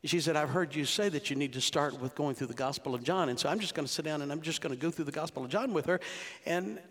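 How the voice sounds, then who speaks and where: A man's voice: a little high, fast, fairly bright tone. A man in his sixties, a pastor preaching a conversational sermon with rhetorical questions to his congregation in a church. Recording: long hall reverb.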